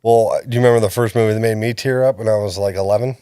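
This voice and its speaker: A man's voice: lowish voice, fairly even intonation, rapid-fire, dark tone, clear, resonant tone, no echo, studio quality. A man in his thirties co-hosting a podcast in casual chat, rambling and laughing often. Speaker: podcast co-host.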